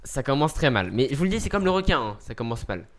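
A man's voice: mid-range voice, very animated, fast. A young man live-streaming a video game, chatting casually, mocking himself and thanking viewers as he plays.

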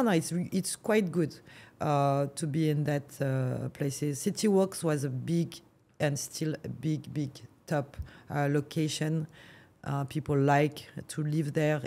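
A woman's voice: low-pitched, mellow. A woman with a French accent, a real estate agent answering interview questions in a hesitant way, with many fillers and restarts. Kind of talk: casual interview.

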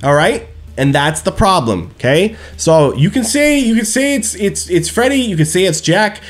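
A man in his thirties breaks down a hockey game from his home streaming setup, speaking into a headset. He talks emphatically, and his fairly high voice swings widely. Faint music plays under his talk. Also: moderate pace. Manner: animated, emphatic, keeps asking "okay?" and "right?". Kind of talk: post-game hockey rant. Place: small room at home, seated in gaming chair.

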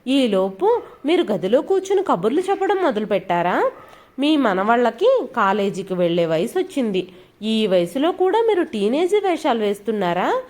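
A woman voicing a bossy young daughter-in-law in a storybook, shouting and scolding. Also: on the high side, very animated, normal speed. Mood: angry scolding.

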